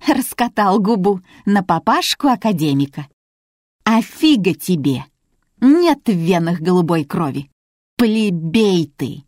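A woman's voice: lowish voice, very animated, a little slow, darkish tone, no echo, studio quality. A woman voicing a spiteful woman who jeers and mocks cruelly. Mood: jeering. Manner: jeering, spiteful. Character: nasty sneering young woman.

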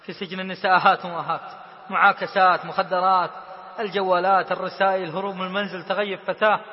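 A man's voice: high-pitched, little pitch movement, fast. A man preaching an impassioned sermon. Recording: lo-fi recording with long reverb.

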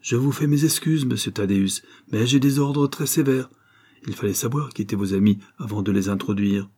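Man putting on gruff porter guy, old wrestler, broad and stubborn, kinda husky and dark, talks curt and raised. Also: mid-range voice, normal speed. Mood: apologetic. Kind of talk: audiobook character voice.

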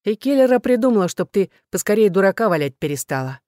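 A woman's voice: medium pitch, sing-song, fast talker, a little mellow, no echo, studio quality, natural voice. A woman reading aloud, voicing a sly, world-weary female friend who talks in a wry, sighing, frank way.

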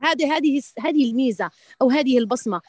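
Lady tajweed teacher, high voice, lots of restarts and pauses, dry close sound. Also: a little mellow, no room sound. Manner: hesitant, many restarts and drawn-out fillers, pious interjections. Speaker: Quran recitation teacher. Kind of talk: online tajweed lesson answering questions.

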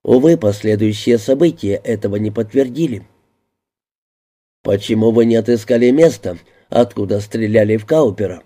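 A man's voice: fairly low pitch, moderate pace, mellow, lightly acted. A man reading an exasperated police lieutenant. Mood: defensive. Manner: defensive to a superior, barking at his squad. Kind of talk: audiobook character reading.

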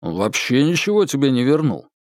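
A man voicing a hot-tempered, gruff big man in an audiobook. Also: medium pitch, big pitch swings, fairly quick, no echo, studio quality, natural voice. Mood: angry. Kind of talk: audiobook character voice.

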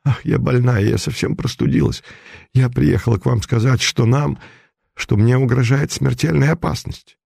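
A man voicing a young noblewoman with a hoarse, husky voice, speaking in desperate, pleading tones in a storybook reading. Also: medium pitch, lively intonation, normal speed, darkish tone, no echo, clean studio sound, pitched above the performer's own voice.

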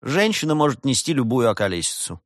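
A man's voice: medium pitch, very animated, fast, dry recording, clean studio sound, pitched above the performer's own voice, lightly acted. A man voicing a brash young man who mocks his friend in a cocky tone. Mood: teasing. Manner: cocky, mocking.

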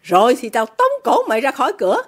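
A woman reads a furious middle-aged father who got rich by shady deals. He shouts insults at his daughter in a high, wildly swinging voice, bullying and contemptuous. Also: huge pitch swings, fast talker. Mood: raging.

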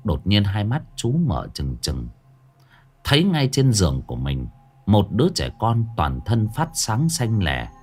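A man narrates a ghost story in a folksy way. His pitch rises and falls in a lively way. He keeps a homely, storytelling tone. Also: measured pace, breathy edge, faint music behind.

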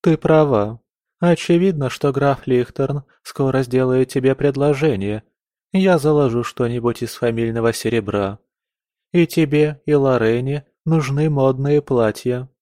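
A man's voice: medium pitch, measured pace, warm tone, dry recording, studio quality, natural voice. A man playing a firm noble mother. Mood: soothing. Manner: soothing yet firm and commanding. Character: stern, fussy noble mother of two daughters.

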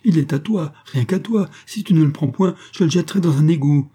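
A man's voice: medium pitch, fairly even intonation, moderate pace, mellow, husky, natural voice. A man reading a trembling, desperate society woman who pleads with her lover. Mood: outraged. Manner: trembling, imploring, rising to outbursts.

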